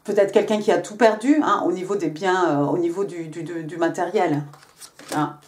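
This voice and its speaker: This tarot card reader has a lowish, darkish-toned voice and speaks at normal speed. Her casual reading is chatty, packed with fillers and little "hein" tags, and she switches to English for the text on the cards.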